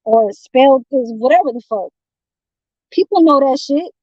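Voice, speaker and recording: A woman from San Francisco, with a high, slightly mellow voice, lively intonation and a moderate pace, rants heatedly on a livestream. She swears all the time and rambles confrontationally, and the stream audio is dull, lo-fi and dry, with no room sound.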